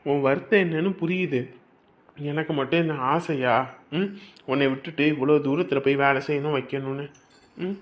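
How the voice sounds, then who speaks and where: A man's voice: fairly high pitch, moderate pace, dull audio, close to an everyday voice. An actor playing a stubborn young husband who lectures his wife and turns harsh, in a family drama. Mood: firm persuading. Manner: lecturing, repeats himself, grows harsh. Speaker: husband leaving home for work. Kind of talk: Tamil family drama acting.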